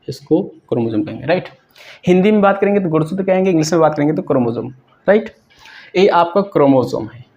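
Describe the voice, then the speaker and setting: A man's voice: a little high, a little mellow. A man teaching a science lesson who asks questions, answers them himself and keeps checking "right?".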